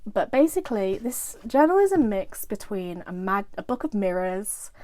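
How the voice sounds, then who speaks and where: A woman's voice: medium pitch, very animated, normal speed, dark tone. Gushing woman chatting about her tarot decks. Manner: gushing, chatty, full of "like" and "fantastic". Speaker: tarot vlogger. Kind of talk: casual show-and-tell chat.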